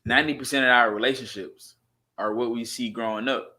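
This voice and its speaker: A man with a bright, forceful voice speaks earnestly as a podcast co-host, stopping to find his words. His voice sits at an ordinary pitch. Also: steady tone, a little fast. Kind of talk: casual podcast chat.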